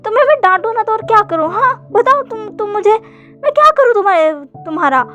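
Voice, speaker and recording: A woman's voice: high voice, moderate pace, faint music behind, lightly acted. A woman voicing a fretful young man who scolds his friend, in a fan story. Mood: scolding. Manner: scolding, complaining.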